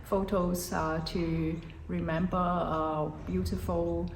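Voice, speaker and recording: A woman's voice: fairly low pitch, flat delivery, takes it slowly, a little hiss or hum. A woman, a church member sharing a childhood memory hesitantly, with many fillers. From Hong Kong. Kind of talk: personal testimony. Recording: echoey room with faint ambience.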